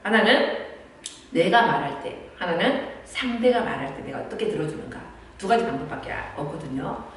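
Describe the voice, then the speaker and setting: A woman teaching parents how to talk with their children, explaining gently and acting out short dialogues. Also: mid-range voice. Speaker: parenting instructor. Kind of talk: lecture with acted-out dialogue examples. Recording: echoey room from far off with faint noise.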